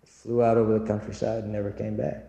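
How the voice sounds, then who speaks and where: Speaking fast in a lowish, monotone voice that's mellow with vocal fry, a man delivers a sincere, inspirational church talk. He tells stories and addresses his listeners directly, recorded in a hall with long, echoing reverb.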